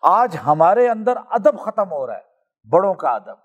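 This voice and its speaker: A male preacher from Pakistan gives a sermon. He tells a story, asks his listeners questions and slows down to recite scripture. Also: high-pitched, sing-song, muffled recording.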